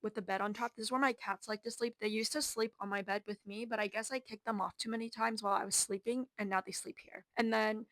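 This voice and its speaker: A woman's voice: medium pitch, steady tone, fast talker, hardly any pauses, fairly bright tone, no echo. Chatty, winded young woman. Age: 20s. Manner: rambling, self-deprecating, filler-heavy. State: slightly out of breath. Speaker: vlogger. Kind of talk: casual room tour narration.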